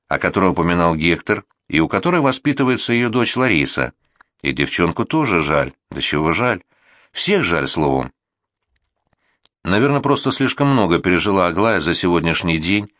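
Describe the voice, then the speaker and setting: A man narrating an audiobook in an expressive storytelling style. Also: deep voice, no room sound, studio quality. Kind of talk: scripted narration.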